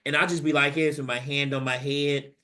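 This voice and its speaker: A young man on a casual podcast tells a story, cursing freely and jumping his voice up high whenever he quotes someone. His tone is bright and forceful, and it sits a little higher than most men's. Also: brisk. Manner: animated, profane, acts out quotes with rising pitch. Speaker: podcast co-host.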